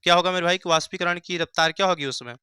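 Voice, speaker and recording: Bright, crisp male science teacher. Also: high-pitched, racing, dry recording. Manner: asks the class questions and answers them himself; repeats key phrases, calls students "bhaiya" and "mere bhai". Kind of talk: Hindi science lesson at a board. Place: classroom at a board.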